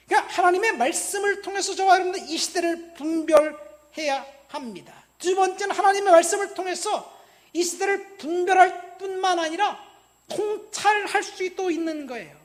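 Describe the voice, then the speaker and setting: High-voiced woman pastor preaching emphatically. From Busan, South Korea. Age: 50s. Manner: emphatic preaching that swings between loud stresses and quiet, dropped asides; addresses the congregation directly with questions. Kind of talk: sermon.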